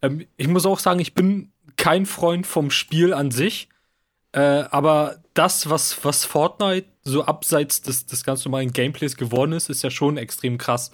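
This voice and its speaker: A man talking casually as a podcast panellist, in a halting, hesitant way. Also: on the high side. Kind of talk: casual video game discussion.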